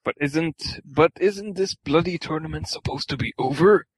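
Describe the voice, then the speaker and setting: A man's voice: fairly high pitch, moderate pace, breathy edge, no room sound. A man voicing an irritable retired male fighter who mutters and swears while reading aloud. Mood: grumpy.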